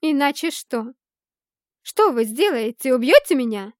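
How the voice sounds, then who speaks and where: A woman's voice: high-pitched, big pitch swings, a little slow, no echo, studio quality, pitched above the performer's own voice. Woman playing a furious young heroine. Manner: loud, indignant, hissing. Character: defiant young heroine, angry and scared.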